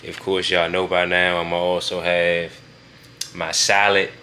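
A man's voice: low-pitched, little pitch movement, unhurried, bright, forceful tone, a little hiss or hum. A young man vlogging casually from his home kitchen, talking straight to his viewers in a laid-back way. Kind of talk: casual vlog talk to camera.

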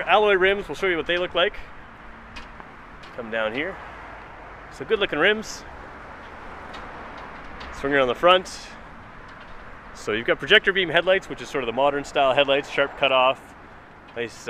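A man's voice: medium pitch, bright, forceful tone, a little hiss or hum, low-quality recording. A Canadian man showing a car in a casual, chatty walkaround, recorded on a handheld camera outdoors and inside the car. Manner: casual, chatty, thinking aloud while filming. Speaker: car dealership salesman. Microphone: handheld camera mic.

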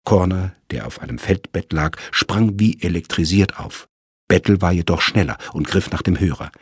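A man narrating a crime audiobook in measured storytelling. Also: sits low, breathy edge, no room sound, studio quality.

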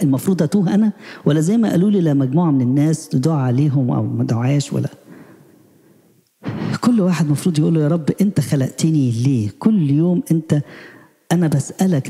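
A man with an Egyptian accent giving a spiritual sermon, asking rapid, pleading questions. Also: fairly high pitch, mellow, big-room sound. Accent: Egyptian Arabic. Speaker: preacher.

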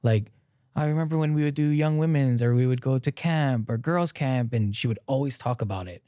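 A man's voice: mid-range voice, a little fast, no echo. A man in his thirties from Hawaii, a guest telling his story in loose, casual conversation full of "like" fillers, on a close podcast mic in a small studio. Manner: loose and animated, lots of "like" fillers, gestures while talking. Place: small dim studio set with a couch. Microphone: boom-mounted podcast mic close up.

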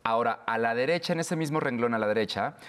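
A man's voice: medium pitch, a bit bright, smooth, big-room sound. A man, giving a patient step-by-step tutorial as an instructor. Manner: patient, explains slowly with pauses.

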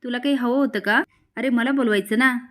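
A woman voicing a caring middle-aged man who gently fusses over a young woman, in a drama recap. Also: fairly high pitch, fairly even intonation, brisk, pitched above the performer's own voice, lightly acted. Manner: gentle, fussing.

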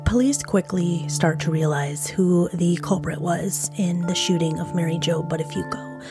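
A woman's voice: on the low side, normal speed, over music. A woman hosting a true crime podcast, narrating the case in a conversational storytelling way with casual asides. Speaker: podcast host.

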